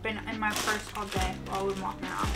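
A woman's voice: mid-range voice, level tone, quick pace, loud music behind the voice. A woman in her twenties chatting casually while eating sour candy. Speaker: vlog co-host taste-testing candy. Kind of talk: casual chat. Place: small bedroom, indoors.

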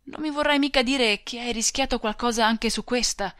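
A woman's voice: mid-range voice, animated, a little fast, a bit bright, dry recording, studio quality, close to an everyday voice. A woman reading the part of a proud young woman farmer in an audiobook, speaking sharply. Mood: anxious.

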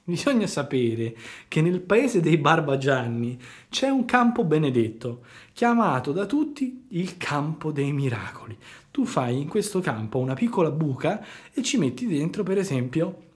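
A man voicing a sly, scheming fox who talks smoothly and coaxingly, sometimes dropping to a hush. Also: fairly high pitch, sing-song, a little slow.

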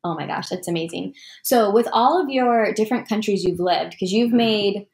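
A woman's voice: mid-range voice, normal speed, gravelly, darkish tone. A young woman hosting a casual video podcast from a living room, upbeat and gushing, laughing often. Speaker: podcast host.

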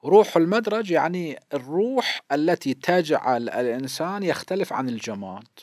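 A man's voice: a little high, expressive, normal speed, a little mellow, no echo, studio quality. A man in his fifties with an Iraqi Arabic accent, a cleric giving a seminary lesson on hadith, explaining patiently and posing questions he then answers himself. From Iraq. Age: 50s.

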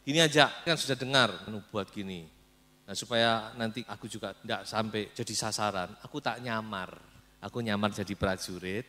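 A man's voice: on the low side, normal speed, bright, forceful tone. A man voicing a scheming, pushy king who grumbles and coaxes in a raised voice during a sermon.

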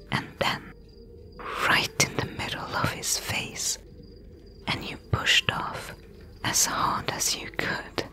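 A woman voicing a wry, bossy thief mentor in a breathy, hushed whispered role-play, giving instructions. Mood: amused, recounting.

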